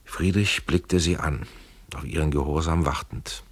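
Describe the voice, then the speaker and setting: Deep, husky male storyteller. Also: steady tone, measured pace, dry recording. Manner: dramatic, vivid storytelling. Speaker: narrator. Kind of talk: dramatic audiobook narration.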